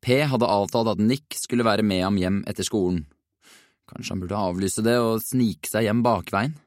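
A man narrating a children's storybook in an even, measured reading. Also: on the low side, no room sound, clean studio sound. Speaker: audiobook narrator.

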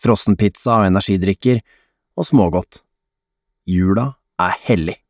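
A man narrating an audiobook in a calm, even storytelling manner. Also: deep voice, no room sound, clean studio sound. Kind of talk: scripted narration.

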